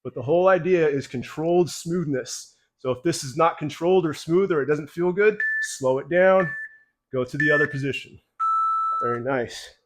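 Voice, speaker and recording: A man coaching a mobility routine while doing the moves himself, a little out of breath, calm and encouraging. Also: a little high, moderate pace, slight background noise. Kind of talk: guided exercise instruction.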